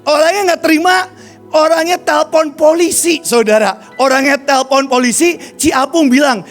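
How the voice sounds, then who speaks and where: A man preaching a sermon, telling a personal story and often calling his listeners "brothers and sisters", dropping to a hush and then rising to shouts. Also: extremely high pitch, normal speed, faint music behind. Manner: storytelling, addresses listeners as "saudara", swings from hushed to shouting. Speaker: evangelist preacher.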